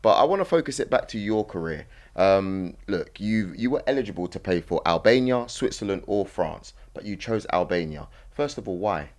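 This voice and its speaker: A man co-hosting a casual interview, asking questions in a relaxed, chatty way. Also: on the low side, moderate pace, hardly any pauses. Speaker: co-host.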